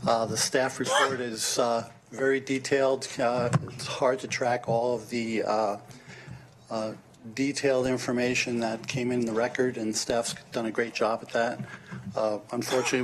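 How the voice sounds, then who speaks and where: A man giving formal testimony at a county hearing, measured and hesitant with frequent fillers, heard through a hearing-room recording at the podium microphone. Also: medium pitch, slight background noise, rough recording. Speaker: land use consultant testifying at hearing.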